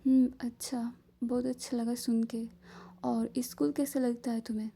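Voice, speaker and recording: A woman doing a soft-spoken caring mother. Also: a little high, little pitch movement, moderate pace, creaky, breathy edge. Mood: gentle. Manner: soft, gentle. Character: calm, caring middle-aged mother.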